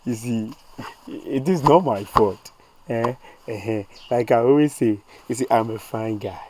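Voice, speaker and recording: A man plays a cocky teacher, bragging and laughing between lines. His voice sits at a middle pitch. Steady noise hums behind him. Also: a little slow, close to an everyday voice. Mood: boastful. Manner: laughing, swaggering, loud exclamations. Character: boastful womanizing male teacher, cocky. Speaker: actor playing a boastful teacher. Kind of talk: low-budget youth drama acting.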